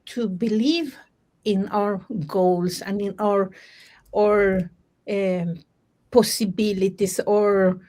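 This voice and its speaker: Non-native English-speaking woman coach, unhurried and halting, restarts a lot while hunting for words. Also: medium pitch, a little mellow. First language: not English. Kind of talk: casual group discussion.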